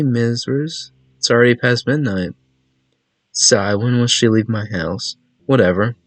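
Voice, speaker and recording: A man's voice: fairly low pitch, no echo, rough recording. A man hosting a casual let's-play, joking and reading choices aloud, saying "sigh" and "cough" as words. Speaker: gaming video host.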